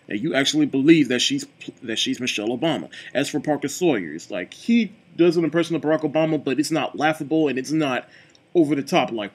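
A man giving a casual, chatty movie review, with a relaxed delivery full of fillers like "like" and "you know.". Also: mid-range voice, husky. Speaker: film reviewer.

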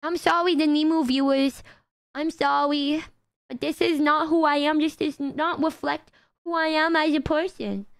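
A woman voicing a cutesy, childlike anime girl in drawn-out, babyish uwu speak while livestreaming. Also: high voice, fairly even intonation, no echo, studio quality. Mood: apologetic cutesy.

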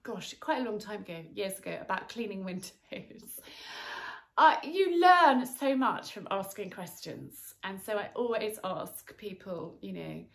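With a medium-pitched, animated voice, a measured pace, some vocal fry and a fairly bright tone, a woman in her forties chats through cleaning as she demonstrates it at home, filling gaps with fillers. The sunlit garden room echoes, and faint noise can be heard.

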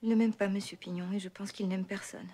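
An actress playing a wary, hurt wife, heard over the phone line during a payphone call, speaking in a hushed, husky voice. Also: female voice, medium pitch, fairly even intonation, fast talker. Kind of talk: film drama dialogue.

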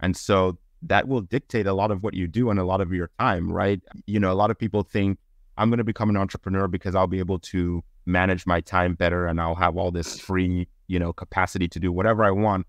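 A middle-aged man originally from Zambia, who later lived in Belgium, answers podcast interview questions over a video call from indoors. His low voice holds a level tone and comes out rapid-fire as he explains things conversationally and thinks aloud. There's no room sound.

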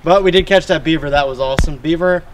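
Out among creeks and marshy fields, a young man speaks quickly in a slightly high voice while filming his trapping vlog. His talk to the camera is relaxed, sprinkled with slang and folksy exclamations, and the camera-mounted shotgun mic picks up faint outdoor noise.

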